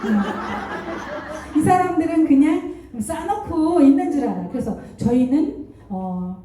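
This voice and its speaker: A woman with a high but mellow voice gives a motivational talk at a marketing seminar. She tells stories and keeps asking the audience rhetorical questions. She is picked up from far off in a very echoey lecture hall. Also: a little slow. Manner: animated storytelling with rhetorical questions. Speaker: network marketing distributor giving a talk.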